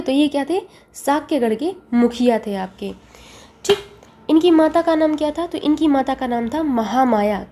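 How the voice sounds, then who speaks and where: A woman teaching an exam-prep lesson who keeps asking quick quiz questions and then repeating the answers. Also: a little high, dark tone, a little hiss or hum.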